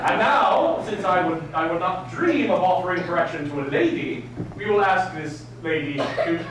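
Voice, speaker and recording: A man's voice: high-pitched, lively intonation, normal speed. A man teaching an etiquette class live, speaking with prim, precise enunciation and formal, old-fashioned politeness. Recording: very echoey room, distant mic, faint noise.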